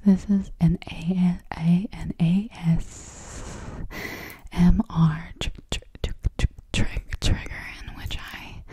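A young adult woman doing fast whispered ASMR close to the mic, repeating words and syllables in a deliberate glitchy stutter. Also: lowish voice, warm tone, husky, no room sound. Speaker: ASMR video host. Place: small decorated home studio room, indoors. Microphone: silver desktop condenser mic at the lips.

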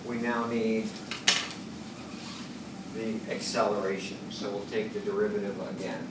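A man in his sixties giving a chalkboard lecture, working through equations and thinking out loud, hesitating and correcting himself. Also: lowish voice, steady tone, measured pace. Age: 60s. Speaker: engineering lecturer. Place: classroom at a chalkboard. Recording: roomy classroom, distant mic, background noise.

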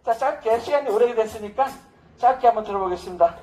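A man's voice: extremely high pitch, fast, darkish tone, slight background noise, poor audio. A middle-aged man teaching social dance, talking casually and boastfully with jokes as he demonstrates. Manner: boastful, joking, casual banter. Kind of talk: dance lesson with live commentary.

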